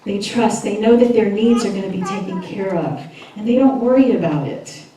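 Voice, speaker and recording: A woman minister giving a chatty, lively sermon and laughing often as she talks with the congregation. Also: medium pitch, normal speed. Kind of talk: sermon with audience interaction. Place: church hall. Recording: echoey hall, voice from far off.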